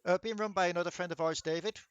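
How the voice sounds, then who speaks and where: A man's voice: high voice, fairly even intonation, fast talker, a bit bright, smooth, dry recording, dull audio. A man running a tabletop game, chatting casually with laughs and swearing as he wraps up the session. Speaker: dungeon master.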